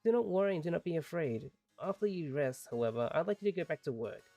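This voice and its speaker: A man voicing a young, kind prince, reading his lines in a gentle, courteous way while playing a game. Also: a little high, lively intonation, fast talker, dry recording, soft background music.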